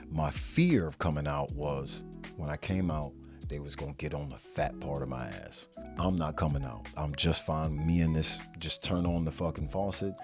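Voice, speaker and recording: A man with an extremely low, rumbling voice tells his story in a loose, candid way. He swears freely and often circles back on himself. Music plays clearly beneath his voice. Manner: candid, profane, rambling with restarts. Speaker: former inmate telling his story. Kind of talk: casual storytelling. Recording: music playing underneath.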